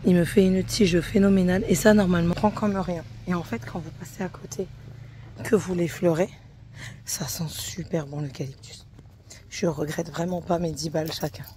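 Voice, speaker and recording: A woman's voice: lowish voice, steady tone, normal speed, mellow, slight background noise. A woman chatting casually to her phone camera outdoors in a garden, swearing freely and getting heated as she talks. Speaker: vlogger.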